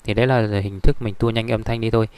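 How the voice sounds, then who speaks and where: A man giving a screen-recorded software tutorial, rambling with many fillers and restarts. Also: lowish voice, fairly even intonation, quick pace, clean tone, no echo.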